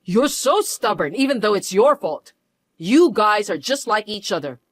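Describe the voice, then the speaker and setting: A reader voicing an older, entitled mother-in-law who is shrill, pushy and indignant in a scripted audio story. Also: very animated, moderate pace, no room sound. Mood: indignant, demanding.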